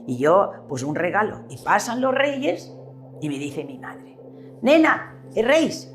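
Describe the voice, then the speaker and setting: A woman's voice: on the low side, measured pace, music in the background. A woman in her seventies with a Valencian-tinged Spanish accent, reminiscing in an interview about her family's shop and acting out the dialogue she remembers. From Petrer, eastern Spain. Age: 70s. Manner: animated storyteller who acts out remembered dialogue. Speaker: retired shopkeeper.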